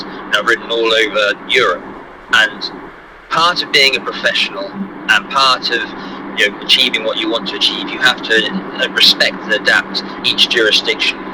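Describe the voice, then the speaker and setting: A man who is an experienced jockey, answering interview questions in a measured, hesitant way with many fillers. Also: lowish voice. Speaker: experienced jockey and racing official. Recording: outdoor recording with background noise.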